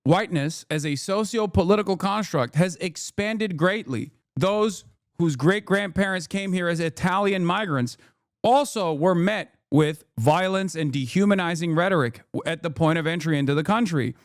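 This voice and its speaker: A man's voice: high-pitched, normal speed, no echo, studio quality. A man doing heated live-stream commentary, blunt and profane as he argues with his chat. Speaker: streamer reacting to clips.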